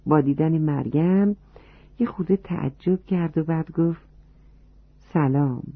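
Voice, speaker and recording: This narrator's mid-range voice is husky as they tell children a storybook tale, speaking to them warmly and directly. The recording has no room sound and comes across dry and tinny, like a phone.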